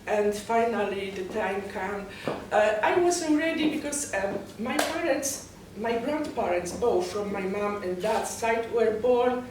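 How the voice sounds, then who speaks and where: A woman's voice: a little high, darkish tone. Polish-accented woman in a very echoey, noisy room. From Poland. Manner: halting, non-native English phrasing. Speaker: guest, poet and novelist. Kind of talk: interview, personal account. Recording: very echoey, distant mic, noisy background.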